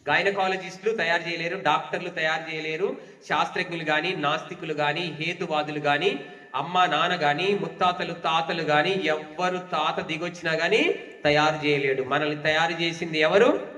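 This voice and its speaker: A man's voice: a little high, fairly even intonation, moderate pace, bright, forceful tone. A man preaching a sermon as pastor, asking the congregation questions and urging them to clap. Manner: rhetorical questions, urging claps. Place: church hall. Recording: echoey hall, distant mic.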